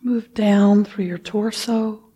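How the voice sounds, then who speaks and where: A woman leading a guided meditation, talking softly and calmly, with frequent throat clearing. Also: medium pitch. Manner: slow, soft-spoken and calm, with frequent throat clearing. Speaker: meditation teacher.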